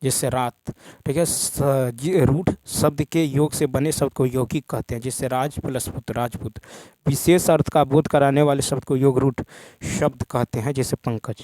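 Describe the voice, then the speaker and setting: A man's voice: mid-range voice, steady tone, normal speed, dark tone, no room sound. A man teaching an exam-prep lesson, working through practice questions and repeating "thik hai" as he goes. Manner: repetitive, says "thik hai" often.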